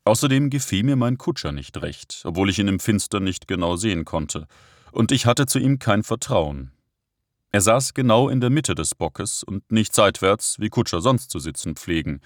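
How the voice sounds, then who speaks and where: A man narrating an audiobook in a steady, measured reading. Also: on the low side, no room sound, clean studio sound.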